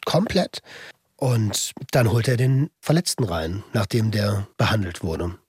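Husky, low-voiced man telling blunt stories. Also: measured pace, darkish tone, no room sound, clean studio sound. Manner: blunt, slangy, acts out quotes in short bursts. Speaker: guest telling his story, former army instructor. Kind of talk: casual anecdotal storytelling in conversation.

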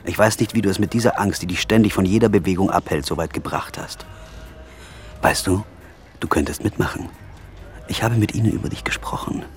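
A male dubbing actor playing a brash young man and son who boasts in hushed tones and flares into shouting. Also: low-pitched, a little fast, faint music behind, natural voice. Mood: hushed boasting. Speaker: son and older brother.

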